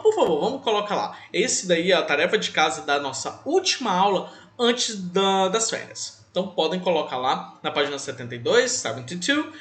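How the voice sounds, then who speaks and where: Young male teacher, high and sing-song, patient step-by-step explainer, roomy echo. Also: fairly bright tone. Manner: patient, repeats and spells out rules step by step. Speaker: English teacher. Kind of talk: online class lesson for children.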